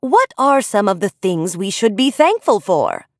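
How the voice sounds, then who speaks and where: A woman voicing a kind schoolteacher who speaks calmly and gently. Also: mid-range voice, a little slow, no echo, clean studio sound. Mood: gentle.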